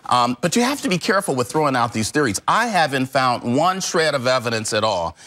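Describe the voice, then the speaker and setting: A middle-aged man, a former homicide detective, answering questions in a live TV news interview in a measured, emphatic way, stressing key words. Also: medium pitch, big pitch swings, fairly bright tone.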